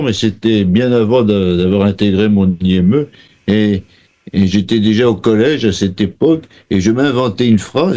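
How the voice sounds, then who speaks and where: A man with an Auvergnat accent, a band member answering in a radio interview, earnest and halting with many fillers. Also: fairly low pitch, mellow.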